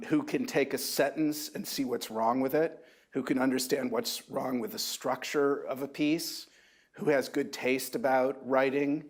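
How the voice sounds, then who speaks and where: A man in his sixties, an author at a university book talk, reminiscing thoughtfully with halting restarts. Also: mid-range voice. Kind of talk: reflective anecdotal talk.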